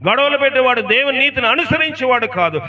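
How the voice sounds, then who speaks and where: A man's voice: very high voice, expressive, fast, sharp tone. A man preaching an emphatic sermon, firing off rhetorical questions and telling stories. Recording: distant, dull lo-fi sound.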